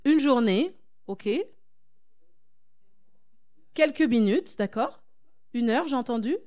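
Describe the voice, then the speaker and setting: Speaking slowly and with plenty of animation, this woman has a darkish, somewhat high voice. As a coach at a church conference, she exhorts the crowd, leaning on repeated phrases and posing questions to them for emphasis.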